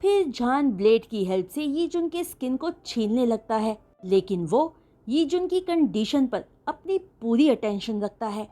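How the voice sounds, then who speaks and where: A woman narrates a fan-written romance story with a fairly high voice. Her telling is animated and dramatic, with her pitch rising and falling freely as she builds each moment. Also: measured pace. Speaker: fanfiction storyteller. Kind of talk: retelling a romance story in Hindi.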